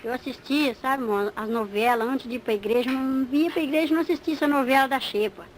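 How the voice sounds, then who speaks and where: A woman's voice: sits high, fast, a little hiss or hum, poor audio. A woman giving a spoken religious testimony, telling her story with animation and acting out the dialogue. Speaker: church member giving testimony.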